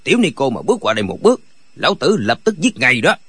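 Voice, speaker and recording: A man's voice: medium pitch, huge pitch swings, fast, a bit bright, breathy edge, dry recording, full character voice. A man voicing a boastful, hot-tempered rogue who threatens and blusters in an audiobook. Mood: blustering.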